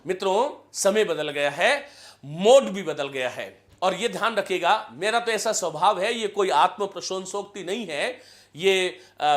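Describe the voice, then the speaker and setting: A man with a very high voice teaches an online grammar class. He says key phrases over and over and keeps asking his students questions. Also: fairly bright tone. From India. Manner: chants verse for students to repeat.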